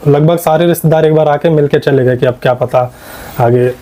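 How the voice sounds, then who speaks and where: A man who is a patient's relative, answering softly in an interview and readily agreeing with what is said. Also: fairly high pitch, fairly even intonation. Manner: soft, agreeable, quick to affirm. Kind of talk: testimonial interview.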